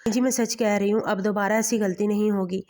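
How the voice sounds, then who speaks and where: This is a scared young wife who begs forgiveness, voiced by a woman reading a story. Her words come out as apologetic pleading. The pitch sits in a middle range. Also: fairly even intonation, a little mellow, lightly acted.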